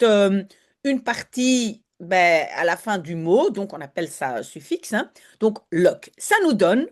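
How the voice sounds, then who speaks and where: A woman teaching Dutch in an online lesson, chatty, slowing down to model pronunciation. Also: mid-range voice. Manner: chatty and lively, apologizes for digressions, models pronunciation slowly.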